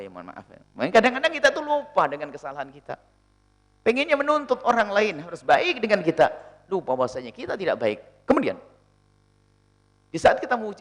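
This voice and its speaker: This is a male preacher with a notably high voice that swings widely up and down as he speaks. He delivers a lively sermon, answering a question and slipping into short acted-out exchanges between people. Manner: lively, acts out little dialogues in different voices.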